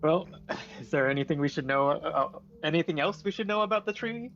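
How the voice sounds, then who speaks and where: Higher-voiced man on a dull mic. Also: lively intonation, brisk, fairly bright tone. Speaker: player in a tabletop game. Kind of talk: casual chat. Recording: dull, lo-fi sound, music behind.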